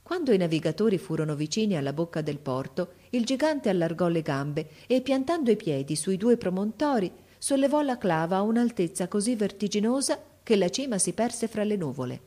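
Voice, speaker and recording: A woman narrating a storybook tale in a measured, expressive reading. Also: medium pitch.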